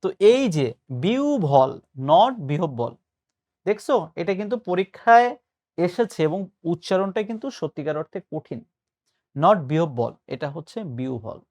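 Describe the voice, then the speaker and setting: A man's voice: high voice, animated, moderate pace, a little mellow. A male tutor giving a patient spoken lesson, explaining and mixing in English words. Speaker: admission test tutor.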